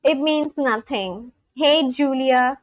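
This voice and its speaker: Hosting a live stream, a woman from India with an Indian accent chats casually with her viewers, addressing her chat directly and laughing often. Her voice is high and her pace slow, with no room sound in the recording.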